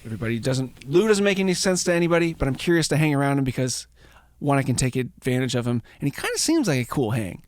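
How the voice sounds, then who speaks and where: A man's voice: medium pitch, big pitch swings, fast, no room sound. A man hosting a podcast, telling a story in a casual, profane, rambling, jokey way. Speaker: podcast host.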